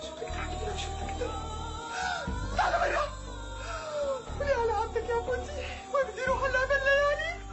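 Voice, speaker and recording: Sharp-tongued Damascene wife, very high-pitched, shrieking and wailing, TV drama audio, music behind. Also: female voice, fast. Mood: furious. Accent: Damascene Syrian. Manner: shrill, wailing and shouting. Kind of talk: TV drama acting.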